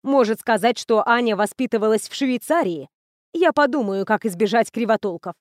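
A woman voicing a stern older female professor and matriarch who speaks in a brisk, authoritative way. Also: fairly high pitch, dry recording, clean studio sound, close to an everyday voice.

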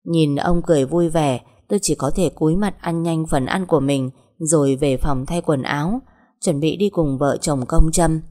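A woman narrating a first-person story with steady storytelling. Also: deep voice, moderate pace.

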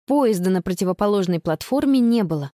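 A woman narrating a children's audiobook in an expressive, dramatic manner. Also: medium pitch, fairly quick, dry recording, studio quality.

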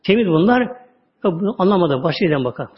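A man giving a religious talk, telling stories with drawn-out words and sudden drops to a low voice. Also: animated. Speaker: religious teacher. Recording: dull lo-fi audio recording.

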